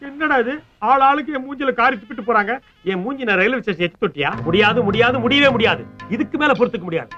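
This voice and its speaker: A bumbling young suitor who schemes and whines in rapid comic patter. His voice sits very high and bright, tumbling out quickly. It sounds like a slightly dull old film soundtrack with faint music underneath. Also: lively intonation, heavily acted. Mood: whining. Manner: whiny, fast comic patter. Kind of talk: 1990s film comedy acting.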